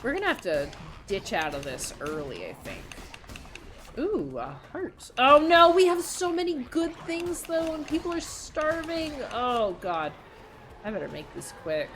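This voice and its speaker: A woman streamer chatting casually while she plays a game, rambling excitedly and swearing freely. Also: medium pitch, a little slow, faint music behind. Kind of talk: casual live-stream chat while gaming.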